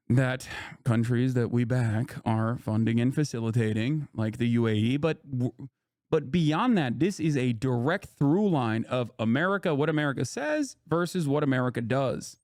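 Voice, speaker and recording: Speaking at a medium pitch with a somewhat mellow tone, this live-stream host vents to his chat about the news, swearing and hammering his points home. The talk stays casual, captured as a dry, clean studio recording.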